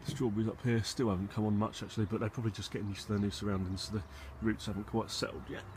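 An English allotment vlogger with a fairly low voice races through a casual tour of his plot and polytunnel, his pitch barely moving. Low-key and a little hesitant, he thinks aloud, and his handheld phone or camera picks up obvious wind and rumble.

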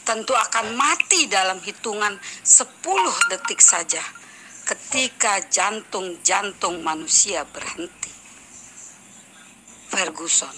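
A woman's voice: mid-range voice, bright, forceful tone, a little hiss or hum, rough recording. A woman arguing in a voice-note debate, challenging her opponent in a lecturing tone.

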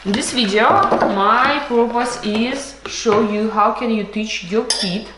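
A woman with a slightly high voice speaks slowly as she patiently teaches her child to bake at the kitchen table, her non-native English mixed with Russian words. A camera across the table picks her up, and the recording is very noisy, with echo and clattering dishes.

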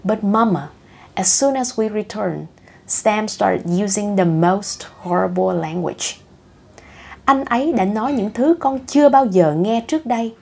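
A woman's voice: medium pitch, expressive, unhurried, gravelly, a little mellow, husky, exaggerated voice. A woman reading the lines of a young bride who pleads tearfully with her mother.

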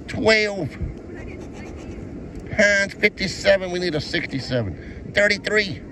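A middle-aged man, cheerfully calling out numbers as he scratches lottery tickets on a beach, recorded on a phone held close. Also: on the high side. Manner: cheerful running commentary, calls out numbers one by one. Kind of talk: casual upbeat vlog chat. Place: outdoors on a sandy beach by the ocean. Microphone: phone camera held close, pointed down. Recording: phone audio with wind and surf noise outdoors.

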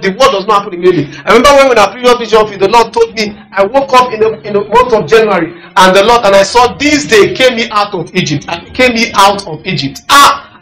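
A man's voice: sits high, sharp tone, poor audio. A man with a Nigerian English accent preaching a sermon as pastor, emphatic and repetitive, often asking whether listeners follow him. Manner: emphatic preaching, repeating phrases and asking the congregation if they follow.

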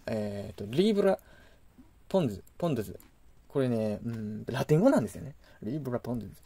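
Fast, animated ranting Kansai man. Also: mid-range voice. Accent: Kansai Japanese. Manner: exasperated ranting, rising to indignant outbursts. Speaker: video host. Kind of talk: casual ranting vlog.

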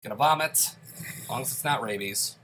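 A man's voice: mid-range voice, a little fast, bright, forceful tone, a little hiss or hum. Congested man doing let's play commentary. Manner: chatty, talks through each move. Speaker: gaming channel host.

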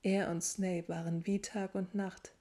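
A woman's voice: mid-range voice, level tone, a little slow, mellow, natural voice. A woman voicing an earnest, bookish young witch who questions things with indignation. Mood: indignant.

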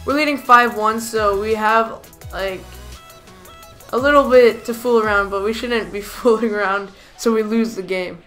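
A hoarse woman giving chatty, self-deprecating commentary over her own gameplay as a gaming YouTuber. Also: mid-range voice, normal speed, a bit bright, soft background music. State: hoarse, lost voice.

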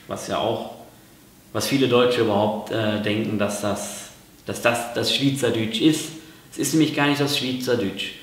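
A man from Germany explaining things in a casual vlog, talking hesitantly with lots of fillers and restarts. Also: fairly low pitch. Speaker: vlogger. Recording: very echoey room.

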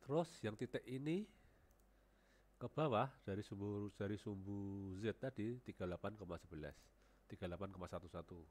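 A man's fairly low, slightly mellow voice moves at a moderate pace as he guides viewers through CAD modeling in a screen-recorded tutorial. He has a cold, wears a headset, thinks aloud, and repeats each number while typing it.

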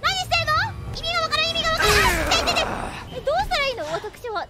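Very high-pitched frantic woman game streamer. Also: animated. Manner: frantic, screaming, repeats words rapidly; polite, ladylike phrasing. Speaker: game streamer, virtual character host. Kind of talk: excited gameplay commentary. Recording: loud game audio behind the voice. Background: video game music and effects.

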